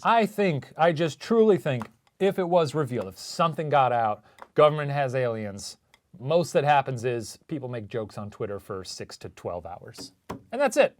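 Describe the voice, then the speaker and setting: A man co-hosts in casual banter and answers with dry, sarcastic quips. His mid pitch moves around a lot. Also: big pitch swings, moderate pace, faint music behind. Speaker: co-host.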